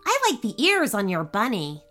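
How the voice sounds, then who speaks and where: A woman voicing a playful, imaginative young girl in a children's storybook, gentle and giggly. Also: mid-range voice, wildly swooping pitch, moderate pace, faint music behind.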